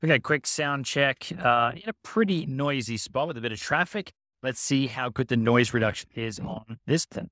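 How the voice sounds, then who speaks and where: A man doing a quick casual sound check beside street traffic, heard after AI noise reduction that leaves artifacts. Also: medium pitch, bright, forceful tone, dry recording, studio quality, soft background music. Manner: brief, offhand sound-check talk.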